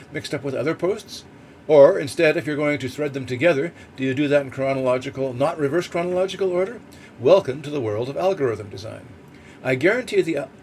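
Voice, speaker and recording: A man records on a boat with faint heating noise behind him, reading an article aloud at a middling pitch. He hosts his own podcast, explaining and arguing his points with asides and rhetorical questions. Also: a little mellow. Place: on a boat in a snowstorm. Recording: clear background heater noise aboard boat. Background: background noise of boat heating.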